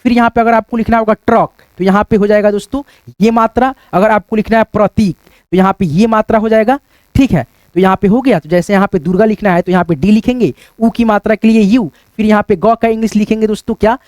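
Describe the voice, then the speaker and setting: A man teaching a whiteboard lesson, spelling out letters slowly and checking in with listeners, sweating as he works. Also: high voice, fairly even intonation, a little mellow, dry recording. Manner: repeats "friends" and tag questions, spells out letters slowly.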